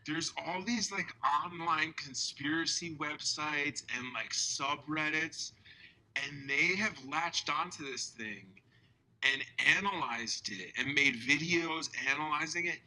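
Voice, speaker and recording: A man joking as a talk show guest, delivering mock-earnest accusations in a deadpan way. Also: on the high side, slow, low-quality recording. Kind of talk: comedic talk show banter.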